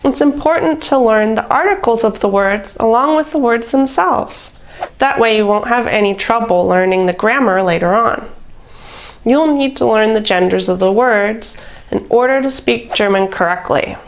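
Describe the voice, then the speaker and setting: A woman giving a vocabulary lesson, reading word pairs in a slow, deliberate way. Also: a little high. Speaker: language teacher. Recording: faint background music. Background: faint background music.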